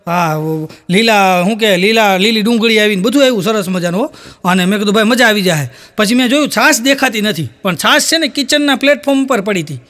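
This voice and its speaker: A man's voice: high voice, sharp tone. A man telling folk jokes, rambling through stories and acting out each quoted voice. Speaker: stand-up comedian. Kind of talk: Gujarati folk comedy storytelling.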